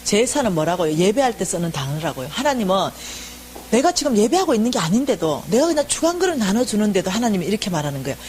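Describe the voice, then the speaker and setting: Lively woman telling a church testimony. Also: medium pitch, fast talker, slight background noise. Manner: animated storytelling, acting out quoted voices. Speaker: church lecturer. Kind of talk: church lecture with personal testimony.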